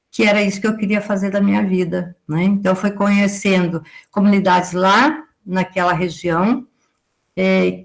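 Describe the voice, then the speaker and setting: A woman in her forties from southern Brazil giving a lecture as an agricultural consultant, explaining at length and tagging her sentences with a questioning "right?". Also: medium pitch. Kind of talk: live lecture to students.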